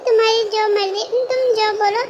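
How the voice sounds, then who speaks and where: A woman's voice: extremely high pitch, fairly even intonation, a little fast, highs cut off, noisy background. A woman voicing a possessive, teasing man who coaxes and bosses his fiancée in a fan-dubbed romance. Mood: smug. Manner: coaxing, bossy, calls her baby girl. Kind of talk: Hindi fan-dub romance.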